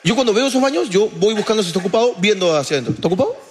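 A man's voice: high-pitched, lively intonation, very noisy. A young man hosting a comedy podcast, teasing and crude in casual chat. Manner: teasing, crude, quick-witted.

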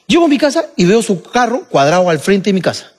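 A young man telling a story in casual chat, profane and animated, acting out scenes. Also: high-pitched, quick pace. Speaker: podcast co-host telling a story.

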